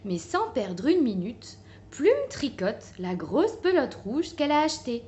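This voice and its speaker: A woman reading a children's picture book aloud in a gentle, expressive way. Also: high voice, unhurried. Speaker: storyteller.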